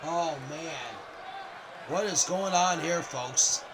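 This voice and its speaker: Excitable high-voiced wrestling commentator man. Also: slow. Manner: excitable, frequent exclamations. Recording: loud crowd and game noise.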